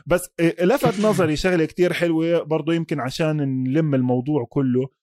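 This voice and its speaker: Fast-talking man with Palestinian-Jordanian Levantine Arabic. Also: a little high, steady tone, darkish tone, dry recording, clean studio sound. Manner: mixes English sports terms into Arabic. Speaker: sports podcast host. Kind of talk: casual sports discussion.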